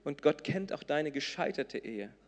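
A man from southern Brazil, preaching a sermon, swinging between loud emphatic peaks and soft intimate lines. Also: fairly high pitch, expressive, unhurried. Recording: long reverb of a large hall.

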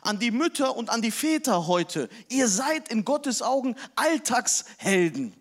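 High, animated male preacher. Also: unhurried. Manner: animated storytelling. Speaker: pastor. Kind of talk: sermon.

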